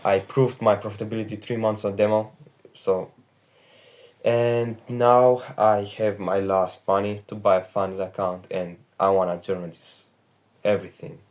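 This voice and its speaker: A man's voice: fairly low pitch, little pitch movement, a little slow, a little mellow. An 18-year-old man from Romania with a Romanian accent, talking in a candid, rambling and profane confessional vlog from his bedroom into a phone camera. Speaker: trading vlogger. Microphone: phone back camera.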